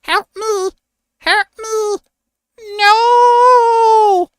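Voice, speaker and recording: A man's voice: very high-pitched, fairly even intonation, very slow, a bit bright, no echo, pitched above the performer's own voice, heavily acted. A man voicing a small, terrified plant creature that cries out shrilly in panic during a tabletop game. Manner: panicked, crying out.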